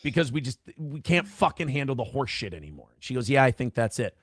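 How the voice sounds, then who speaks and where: A man's voice: mid-range voice, sing-song, fast talker, no room sound, clean studio sound. A man telling a long personal story on a live call-in show, casual, profane and rambling. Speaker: guest telling his story.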